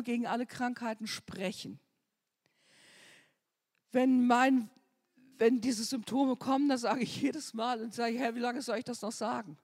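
A woman preaching a sermon with fervor, her delivery swinging from soft, near-whispered prayer to loud cries. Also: fairly high pitch.

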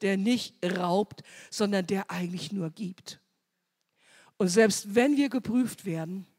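A woman preaching a sermon, repeating phrases and rising loud on key words. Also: medium pitch, slightly rough. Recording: long hall reverb.

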